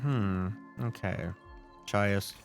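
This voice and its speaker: A man's voice: on the low side, extremely slow, over music. A man streaming a video game with casual, murmured commentary.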